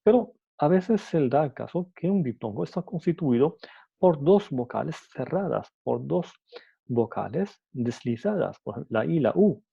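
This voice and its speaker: A man's voice: a little high, animated, moderate pace, gravelly, mellow, slightly rough, dull audio. A man teaching a spoken phonetics lesson, hesitant and full of fillers and restarts, sounding out example syllables.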